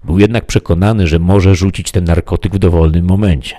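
A man narrating a fantasy story in a quiet, measured reading. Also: low-pitched, fairly even intonation, dry recording, studio quality. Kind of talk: audiobook fiction reading.

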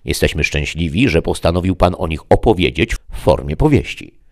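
A man's voice: deep voice, lively intonation, normal speed, a little mellow. A man voicing a fat, pompous male demon who grumbles about modern books and pushes people around. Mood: eager. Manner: grumbling, then pushy and eager.

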